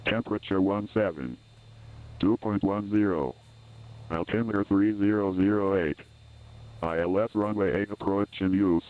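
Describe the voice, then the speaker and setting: A man's voice on a looping airport weather broadcast, reading numbers in a clipped, even way. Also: sits low. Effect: airport weather broadcast over radio. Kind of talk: recorded weather and runway report read in a loop. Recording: tinny narrow-band radio audio.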